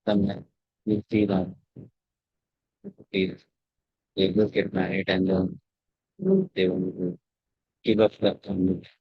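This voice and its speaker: A man teaching an online scripture class over a video call, his voice muffled as if heard through a wall, talking in halting phrases with many restarts. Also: deep voice, flat delivery, husky, no room sound. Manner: halting, with frequent restarts and fillers. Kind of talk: lecture with questions to students. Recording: dull, lo-fi, dry computer mic.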